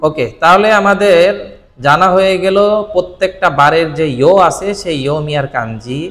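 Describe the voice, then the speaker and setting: A man's voice: a little high, a little fast, a bit bright, big-room sound. A man teaching Japanese in a casual tone, often posing questions and answering them himself, with frequent check-ins to the viewer. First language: Bengali. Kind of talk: casual explanatory lesson.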